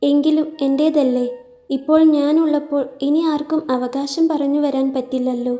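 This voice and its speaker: A woman reading the quiet, hesitant lines of a hurt young wife in a romance story. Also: high voice, fairly even intonation, moderate pace, soft background music, close to an everyday voice.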